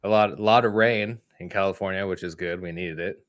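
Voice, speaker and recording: A man's voice: deep voice, brisk, no room sound, clean studio sound. A man co-hosting a casual cooking podcast, joking around and laughing often. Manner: jokey, laughs often, lively delivery. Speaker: podcast co-host. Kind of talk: casual chat.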